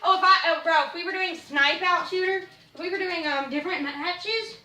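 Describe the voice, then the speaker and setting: A child playing a video game, chatting excitedly and casually in an animated, slangy, complaining way. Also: extremely high pitch, moderate pace. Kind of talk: excited casual gaming chat. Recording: echoey room, distant mic, faint noise.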